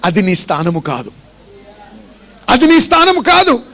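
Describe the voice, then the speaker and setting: A man's voice: very high voice, huge pitch swings, a little slow, bright, forceful tone. A male pastor preaching a sermon in a church, asking repeated questions and calling on the congregation to respond.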